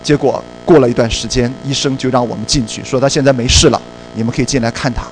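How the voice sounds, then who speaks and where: A male preacher of mid pitch tells a personal story to his congregation, mixing in English terms as he goes. He talks in a lively storytelling way. Soft music plays faintly underneath. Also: fast talker, low-quality recording.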